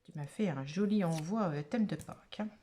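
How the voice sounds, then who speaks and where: A woman's voice: lowish voice, a little fast, mellow. A woman vlogger opening craft mail in a casual chat to camera, gushing and exclamatory, full of little fillers.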